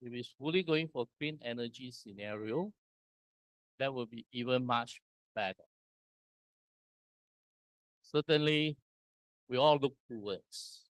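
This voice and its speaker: A man from Singapore giving a conference presentation, walking through slides in slow, deliberate short phrases. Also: mid-range voice, dry recording. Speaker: conference speaker. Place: conference hall.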